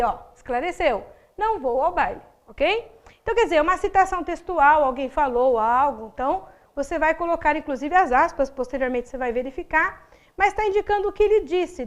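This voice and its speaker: A woman with a Brazilian Portuguese accent giving a recorded grammar lesson, explaining step by step and checking in with frequent tag questions. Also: very high-pitched. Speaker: Portuguese teacher.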